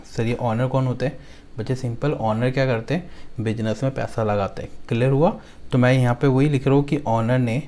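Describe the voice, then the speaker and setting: In a warm, mid-range voice and a Hindi-speaking accent, a male accounts teacher from Delhi lectures his students. He repeats the key lines slowly, has them recited as a rhyme, and keeps asking whether things are clear.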